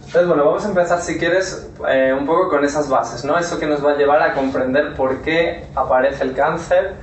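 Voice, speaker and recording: A man's voice: on the high side, fairly even intonation, moderate pace. A man with a Castilian Spanish accent gives an informal workshop talk, telling a story and often checking in with his listeners. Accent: Spain (Castilian Spanish). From Spain. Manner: storytelling, keeps checking in with "¿vale?". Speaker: workshop speaker. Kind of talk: informal lecture to a small audience. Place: talk room at a therapy centre. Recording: echoey room, voice from far off, faint noise.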